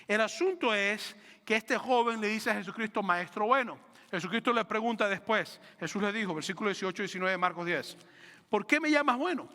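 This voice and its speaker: A high, bright-voiced man preaching with lively energy, slipping into the voices of the people in his stories. His words ring out into a long church reverb. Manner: animated preaching, acting out biblical figures' lines. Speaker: pastor. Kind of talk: sermon. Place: church hall. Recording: reverberant sanctuary sound.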